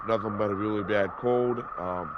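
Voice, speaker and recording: A man in his thirties, battling a cold that makes him stuffy and sore-throated, hosts a gaming video with loose gameplay commentary, full of fillers and corrections as he rambles. He has a lowish voice at a normal speed. The recording is dull lo-fi with background noise.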